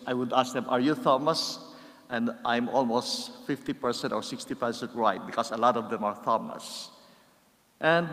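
A middle-aged man giving a homily as a priest at a lectern, preaching in a measured, deliberate way with rising emphasis on key words. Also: medium pitch, fairly bright tone. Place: church, at a lectern. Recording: church livestream with long reverb.

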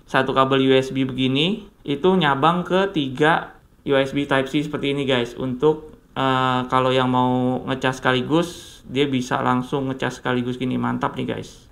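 A man's voice: medium pitch, level tone, normal speed, vocal fry, fairly bright tone. A man giving a casual product review, chatty and addressing viewers often. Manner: chatty, says "guys" a lot. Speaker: tech reviewer.

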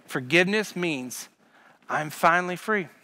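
Bright, high-voiced preaching man. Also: expressive, unhurried. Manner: emphatic, repetitive preaching with sudden loud punches. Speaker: pastor. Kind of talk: sermon. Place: church sanctuary.

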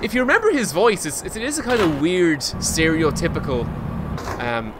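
Animated, sardonic Irish man streaming a game. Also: a little high, moderate pace, noisy background. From Ireland. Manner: sardonic, sweary. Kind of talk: casual live game commentary. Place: indoor room, streaming setup.

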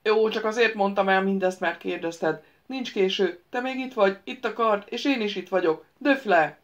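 A woman's voice: mid-range voice, natural voice. A woman voicing a petulant, scheming male ghost wizard who keeps pleading and bargaining, on a dull lo-fi audiobook recording.

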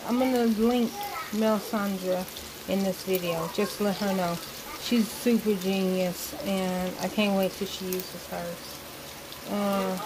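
A Southern woman casually talking viewers through cooking dinner in her home kitchen, explaining each step as she goes. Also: medium pitch. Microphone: handheld phone camera. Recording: noisy kitchen phone recording.

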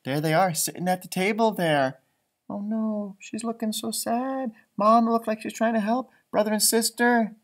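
In a small library room, a thirties-aged American man reads a storybook expressively to schoolchildren, pausing to chat about the pictures in an animated way. His voice sits high and he keeps a moderate pace.

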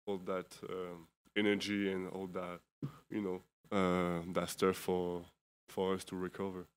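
A tired young man from Europe speaks into a table microphone in an indoor press room. His voice is lowish, clean and resonant, and it stays fairly level in pitch. He talks haltingly, with lots of fillers and restarts. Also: completely flat delivery, clear, resonant tone. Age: 20s. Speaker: basketball player. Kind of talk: postgame press conference answers.

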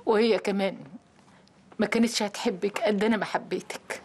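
A woman's voice: medium pitch, steady tone, brisk, a little mellow, a little hiss or hum, natural voice. An actress playing an older village woman who is giving up her job as guard chief. She speaks with an Egyptian accent, earnest and pleading. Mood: heartfelt. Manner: heartfelt, pleading. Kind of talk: TV drama acting.

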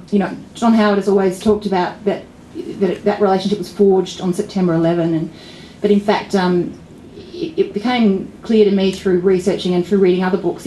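A middle-aged Australian political journalist gives a talk into a stand mic in a pub function room with an audience present. Her voice is fairly low and mellow, and she sounds thoughtful and wry, with many fillers and restarts. The venue sounds roomy, with faint ambient noise.

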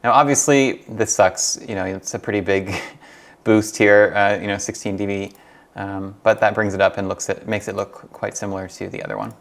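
A young adult man with a lowish, creaky voice and fairly even intonation speaks at a moderate pace. As a hobbyist host demonstrating tape transfer, he gives a casual hands-on tutorial vlog from small furnished rooms at home, thinking aloud a little hesitantly.

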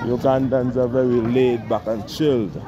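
A forties-aged Caribbean man vlogs his travels through a crowded outdoor village market, narrating in a slow, easygoing manner to a selfie camera at arm's length and greeting passersby kindly. His medium-pitched delivery is flat, the audio has its highs cut off, and crowd and street noise surround his voice.

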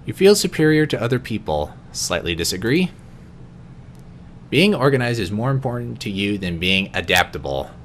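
A man reading personality quiz questions aloud in an unscripted vlog, answering each one in a quieter, lower voice with the odd stumble. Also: big pitch swings, moderate pace, slight background noise. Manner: occasional stumbles and restarts. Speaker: vlogger.

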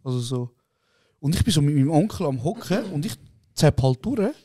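Laughing Swiss German podcast host. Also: male voice, a little high, fairly quick. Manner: laughing storyteller, animated quoting. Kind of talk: casual chat.

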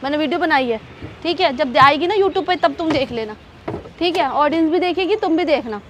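Young woman, very high voice, accusing and insistent, outdoors on a boat, faint traffic behind. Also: animated, a little fast, a bit bright. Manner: accusing, repeats her demands. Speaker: vlogger. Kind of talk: staged couple argument.

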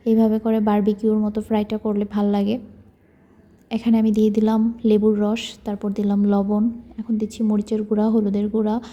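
A young woman from Bangladesh narrating her home cooking vlog in a casual, chatty way, keeping her voice soft so her child can sleep. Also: medium pitch, monotone, brisk, lo-fi sound. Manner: chatty, leans on filler words. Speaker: cooking vlogger.

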